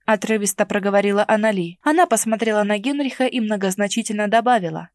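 A woman narrating a first-person audiobook in an expressive way, heightening the dramatic moments. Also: mid-range voice, fast, no echo, clean studio sound.

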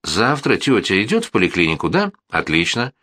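A man voicing a resolute schoolboy who plots a rescue, speaking in brisk, clipped phrases and sounding sure of himself. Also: low voice, wildly swooping pitch, bright, forceful tone, no room sound, clean studio sound, full character voice. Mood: commanding. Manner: brisk, commanding, short phrases.

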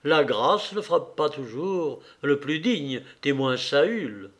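A man voicing a weary, solemn high official who talks in a preaching way. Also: very animated, slow pace, fairly bright tone, heavily acted.

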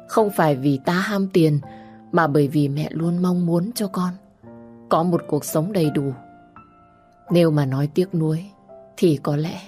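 A frail dying old mother speaks in a weak, tender voice, as a woman reads her part. Her tone sits low and deep. She pleads gently and softly with her daughter in this storybook audio. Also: natural voice. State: dying, gasping.

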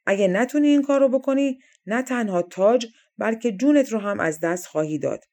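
A woman's voice: fairly high pitch, animated, a little mellow. A woman voicing a grumbling greedy giant. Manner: grumbling, demanding. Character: grumbling greedy male giant guarding a crown.

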